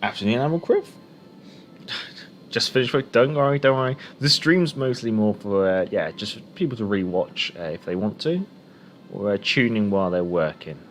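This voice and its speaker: A man giving relaxed, chatty live commentary on a game he is streaming. His voice sits fairly low but swings animatedly in pitch as he thinks aloud. Faint game music plays behind him. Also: normal speed.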